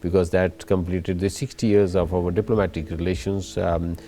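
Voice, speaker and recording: A middle-aged man with a Pakistani accent gives formal interview answers as an ambassador, in a measured, halting way full of hesitations. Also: deep voice, flat delivery, dark tone. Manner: halting, measured, hesitant phrasing with frequent long fillers.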